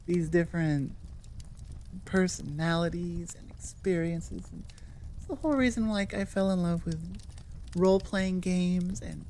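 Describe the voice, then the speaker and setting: Closing out her channel with a relaxed chat, an ASMR creator rambles playfully and corrects herself as she talks to listeners. Her voice is lowish and mellow, with a slight hiss or hum in the background.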